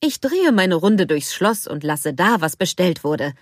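Kindly grey coachman in a storybook, read by a woman, low and courteous. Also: big pitch swings, measured pace, dry recording, clean studio sound. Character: friendly strong grey-haired male coachman. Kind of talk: storybook reading.

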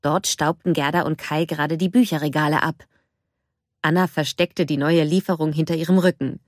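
Female storybook narrator, gentle and measured, low-pitched, dry sound. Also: steady tone, dry recording. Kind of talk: storybook reading.

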